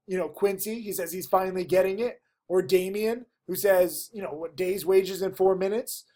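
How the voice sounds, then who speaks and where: In a direct-to-camera lesson, a man who teaches trading implores his students to put in the study time, his emphasis undercut by a stuffy, failing voice. It sits high with a warm tone.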